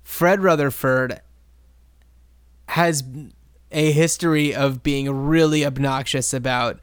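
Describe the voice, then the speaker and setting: A woman's voice: low voice, dry recording, studio quality. A woman co-hosting a podcast, chatting casually about a sitcom and thinking aloud with asides and easy laughs. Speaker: podcast co-host. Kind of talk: casual chat recapping a sitcom episode.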